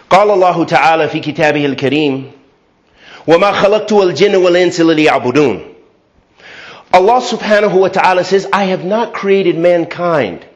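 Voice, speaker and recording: A man with an American accent delivering a mosque sermon, switching from fast chanted Arabic openings to slow, measured English. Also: high voice, muffled recording. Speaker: imam giving a Friday sermon. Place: mosque prayer hall.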